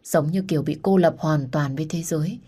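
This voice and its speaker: A woman's voice: deep voice, a little fast, warm tone, breathy edge. A woman narrating an audio story and talking earnestly to her listeners as host. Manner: intimate, earnest, addresses listeners directly.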